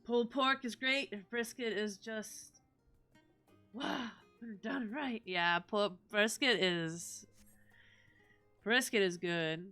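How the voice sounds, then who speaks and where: Southern woman streamer, bright smooth voice, faint game music, chatty and loose with swearing. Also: mid-range voice, slow pace, no room sound. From Southern United States. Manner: chatty, swears freely, reads game dialogue aloud. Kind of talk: casual gaming stream chat.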